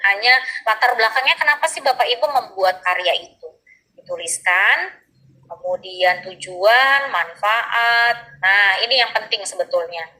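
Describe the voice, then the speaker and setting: A woman giving an explanatory tutorial to teachers, addressing them politely again and again and pausing often on filler sounds. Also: medium pitch, bright, forceful tone, slight background noise, poor audio. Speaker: teacher trainer.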